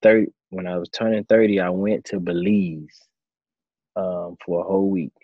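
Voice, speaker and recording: A man in his thirties, a former quarterback turned coach, answering interview questions in a relaxed storytelling way. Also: low voice, moderate pace, no room sound, muffled recording. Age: 30s. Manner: relaxed storytelling, acts out his own past thoughts.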